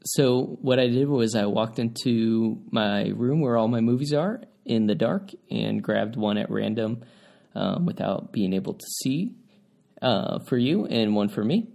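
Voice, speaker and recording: A man's voice: medium pitch, animated, a little slow, gravelly, darkish tone. A young man co-hosting a podcast, chatting casually and joking, with frequent fillers as he trails off. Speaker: podcast co-host. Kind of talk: casual chat.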